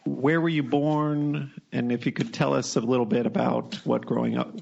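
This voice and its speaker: A man's voice: medium pitch, steady tone, moderate pace, gravelly, darkish tone, husky, highs cut off. A man hosting a podcast interview, asking questions and reacting with short friendly prompts. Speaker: podcast host.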